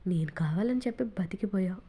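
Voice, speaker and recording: A woman's voice: medium pitch, expressive, brisk, mellow, breathy edge. A woman reading the part of a commanding young man who teases his partner and protects his family, in an audiobook novel. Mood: teasing. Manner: bossy and playfully teasing.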